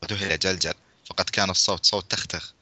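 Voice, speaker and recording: Man, casual storybook read-aloud, very fast, lowish voice, jokey asides. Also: fairly even intonation, pushed and bright. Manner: rapid, brisk reading, breaks off for crude joking remarks. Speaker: reader.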